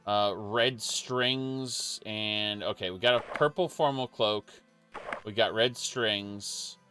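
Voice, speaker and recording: A man's voice: lowish voice, slow pace, pushed and bright, soft background music. A man giving casual, rambling commentary over a role-playing game, with many fillers, restarts and laughs at his own jokes. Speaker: let's play host.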